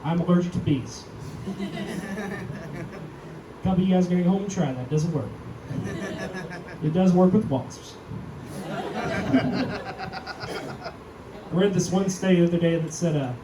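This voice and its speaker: A young man doing a stand-up comedy set, self-deprecating and deadpan, raising his voice when he acts out quotes. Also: high-pitched, moderate pace, pauses often. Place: comedy club stage. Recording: echoey club, mic heard from far, audience noise.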